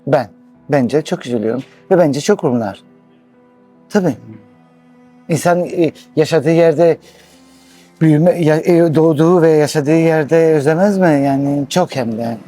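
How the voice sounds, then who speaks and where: A middle-aged man from Istanbul, speaking halting, slightly broken in a casual street interview. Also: on the high side, warm tone, faint music behind. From Istanbul, Turkey. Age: middle-aged to 60s.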